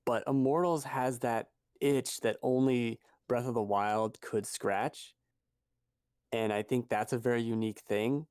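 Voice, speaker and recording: A man's voice: mid-range voice, fairly even intonation, a little slow, a little mellow, smooth, no room sound, studio quality. Rambling man chatting on a podcast. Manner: rambling, self-correcting, chuckles at himself. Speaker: podcast co-host. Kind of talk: casual chat.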